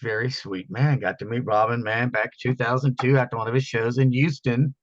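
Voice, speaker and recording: A man, an actor and stand-up comedian, telling stories in a casual interview with an animated, rambling manner. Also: medium pitch, brisk, no room sound, lo-fi sound.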